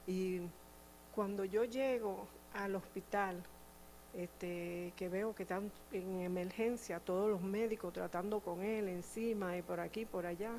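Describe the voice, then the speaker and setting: A woman's voice: medium pitch, fairly even intonation, unhurried, a little mellow, slight background noise, low-quality recording. A middle-aged woman with a Puerto Rican accent giving a personal testimony in church, hesitant and full of fillers. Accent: Puerto Rican Spanish.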